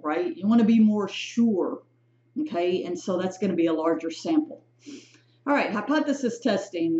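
A woman's voice: medium pitch, warm tone. Woman, statistics instructor, chatty, self-correcting, dull lo-fi audio. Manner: chatty, self-correcting, asks "right?" often. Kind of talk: recorded lecture walkthrough. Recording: echoey, dull lo-fi room sound.

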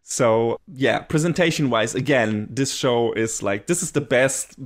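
A man's voice: medium pitch, unhurried. A man co-hosting a casual podcast, reviewing a show with eager, rambling talk full of restarts and fillers. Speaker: podcast co-host reviewing anime.

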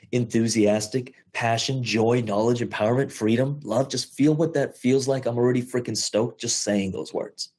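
A man in his thirties giving a motivational talk to investors, animated, swearing casually, speeding up and slowing down for emphasis. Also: medium pitch, breathy edge. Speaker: host of investor mindset call.

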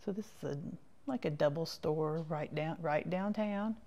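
A woman's low, mellow voice, at a moderate pace, narrates a chatty shop tour as she strolls around inside a quilt shop. Her folksy comments are short and trail away, and the recording sounds muffled.

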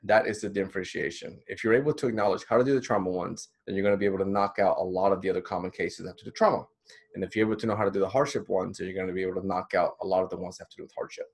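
Man in his thirties, from the Dominican Republic, low voice, relaxed encouraging lecture, webcam talk in a small room. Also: racing, vocal fry, breathy edge. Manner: conversational, encouraging, with many fillers. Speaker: counselor teaching a course. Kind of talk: recorded slideshow lecture.

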